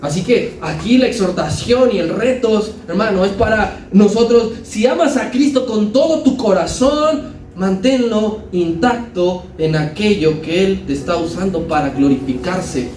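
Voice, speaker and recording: A man's voice: sits high, expressive, measured pace, darkish tone, echoey room, distant mic, slight background noise, poor audio. A man preaching a sermon as pastor, building emphasis and acting out quotes.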